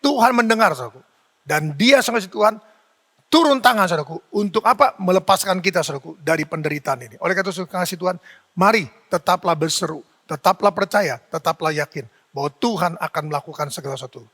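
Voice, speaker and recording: Fervent high-voiced preacher in a reverberant hall. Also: male voice, animated, fast, a bit bright. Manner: fervent preaching, repeating the address to the listeners. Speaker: pastor. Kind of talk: sermon. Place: church hall. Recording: church sermon with long hall reverb.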